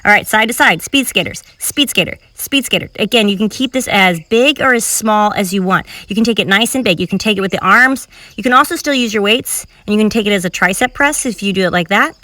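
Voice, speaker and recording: A woman's voice: medium pitch, brisk, hardly any pauses, bright, forceful tone, dry recording, distant mic. A woman leading a home cardio workout, counting reps and cueing moves while exercising, slightly out of breath. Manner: encouraging, counts reps aloud while moving. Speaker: fitness instructor. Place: filmed outdoors in public.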